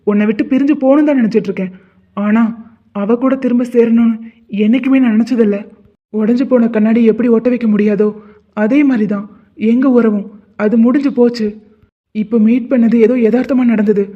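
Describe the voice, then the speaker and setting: A man voicing an irritated young husband in an animated drama, curt and dismissive. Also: very high-pitched, moderate pace, pauses often. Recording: tinny phone-like sound.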